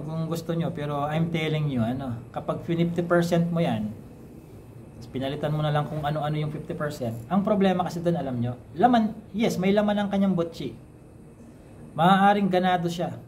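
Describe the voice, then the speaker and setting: A man's voice: on the high side, a little mellow, a little hiss or hum, poor audio. Chatty Filipino farm owner, man. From Philippines. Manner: chatty, with frequent tag questions and self-corrections. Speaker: poultry farm owner answering a viewer question. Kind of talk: casual explanatory talk in mixed Tagalog and English.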